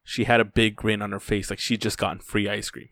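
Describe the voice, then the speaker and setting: A man's voice: fairly low pitch, little pitch movement, fairly quick, a bit bright, no room sound. A man narrating a first-person story in a dry, weary telling.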